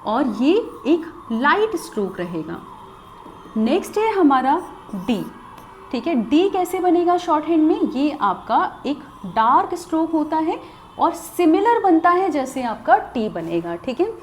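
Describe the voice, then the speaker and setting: Young woman explaining a lesson, high voice that jumps around a lot, patient. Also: big pitch swings, measured pace, faint music behind. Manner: patient, explanatory, repeats "theek hai". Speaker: shorthand teacher. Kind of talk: recorded lesson.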